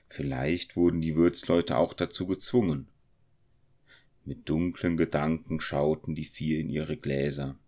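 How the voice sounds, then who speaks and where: Deep-voiced man reading a storybook. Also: fairly even intonation, measured pace, darkish tone. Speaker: narrator.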